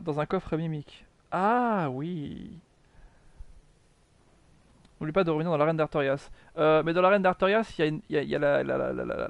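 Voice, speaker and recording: Guy streaming a game live, bit of a high voice, lots of fry, swears a lot and talks back to chat. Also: no room sound. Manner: chatty, self-mocking, swears often, answers chat. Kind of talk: live gameplay commentary.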